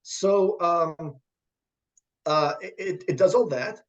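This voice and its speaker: Halting high-voiced man, often repeating words. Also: lo-fi sound. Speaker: guest, computer science professor. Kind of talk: conversational interview.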